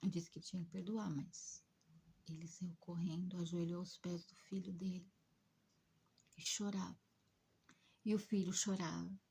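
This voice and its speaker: A woman telling an emotional spiritual story as a spiritist rescue worker, in a hushed, breathy, dramatic way. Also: fairly low pitch, little pitch movement, measured pace, long pauses, a little hiss or hum.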